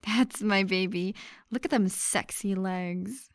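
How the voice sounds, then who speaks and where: A woman's voice: medium pitch, unhurried, darkish tone, no echo, clean studio sound, close to an everyday voice. A woman playing a confident, teasing young woman in an audio horror story. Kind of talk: audio drama acting.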